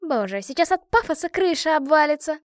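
A woman's voice: high-pitched, very animated, fairly quick, dry recording, studio quality, pitched above the performer's own voice. A woman voicing a brash, sarcastic young woman who talks in a mocking, slangy way.

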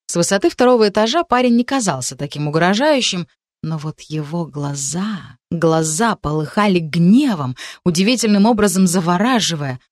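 A woman narrating a first-person audiobook with expressive storytelling. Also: lowish voice, moderate pace, dry recording, clean studio sound.

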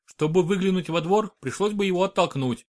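A man narrating an audiobook in an expressive storytelling manner. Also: sits high, fairly quick. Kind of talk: scripted narration.

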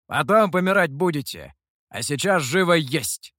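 Casting: brusque monkey demon cook, voiced by a man, loud and somewhat high, dry close sound. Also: animated, a little slow, no room sound.

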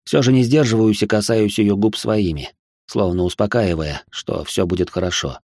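Low-voiced male audiobook narrator. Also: moderate pace, darkish tone, dry recording. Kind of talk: first-person novel narration.

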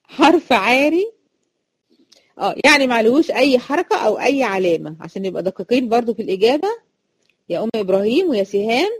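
A woman's voice: a little high, big pitch swings, husky, no echo. A woman with an Egyptian accent teaching a Quran recitation lesson to female students, chatty, repeating each rule and checking if they follow. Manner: chatty, explains by repeating rules and asking quick check questions.

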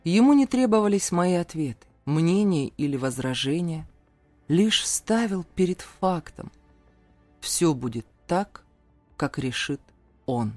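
A narrator reading a dramatic first-person novel in a measured storytelling manner. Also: mid-range voice, sing-song, darkish tone, dry recording, faint music behind. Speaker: audiobook narrator.

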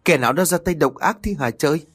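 A shrill older mother shrieks and wails in a spoken horror story, put on by a male narrator. Her voice jumps up high and swings widely as she cries out in frantic grief, at a quick rushing pace. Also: expressive, fairly bright tone, breathy edge. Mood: wailing. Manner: frantic wailing. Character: shrieking old woman, grieving, shrill mother.

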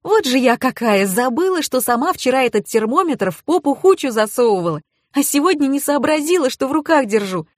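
A woman voicing an excitable, outspoken woman friend who exclaims loudly and is quick to outrage. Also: high voice, no echo, studio quality, pitched above the performer's own voice. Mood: excited.

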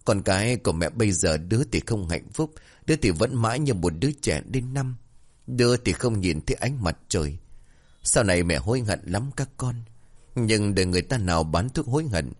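A man's voice: fairly low pitch, animated, a little fast. A man voicing a guilt-ridden older mother who speaks in a trembling, sorrowful way. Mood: grieving.

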